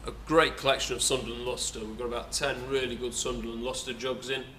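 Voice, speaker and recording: Recorded on a camera mic with slight background noise, a young auctioneer from England tours a large indoor saleroom, previewing his sale in a casual, hesitant way with many fillers. His medium-pitched voice is brisk, pushed and bright, with fairly even intonation.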